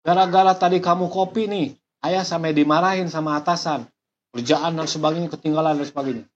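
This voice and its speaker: A man's voice: a little high, steady tone, fast, natural voice. A man voicing an angry father who scolds his family in an exasperated, blaming tone, in a dull lo-fi recording. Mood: angry scolding.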